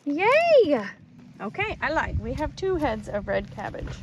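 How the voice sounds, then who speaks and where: A woman's voice: sits high, huge pitch swings, measured pace, dull audio, background noise. A woman filming a casual garden tour on her phone outdoors, chatty and cheerful, exclaiming over her plants. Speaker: homesteading vlogger.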